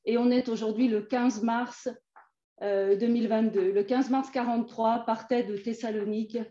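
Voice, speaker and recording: A woman's voice: fairly high pitch, fairly even intonation, normal speed, dark tone, reverberant, muffled recording. A woman moderating a live online author talk from a room in the city, hesitating often as she looks for her words. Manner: hesitant, many fillers while finding words. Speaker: event moderator. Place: room in Thessaloniki.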